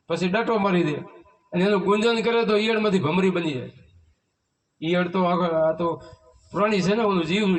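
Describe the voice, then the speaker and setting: A man, a spiritual teacher giving a devotional sermon at a devotee's village home, asking rhetorical questions and reciting hymn verses. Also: sits high. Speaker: spiritual teacher leading a satsang. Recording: voice from far off the mic.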